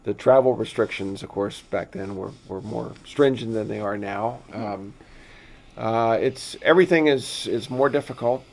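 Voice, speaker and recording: A man's voice: lowish voice, a little slow, vocal fry, darkish tone. A man explaining things casually as a guest scientist in an interview.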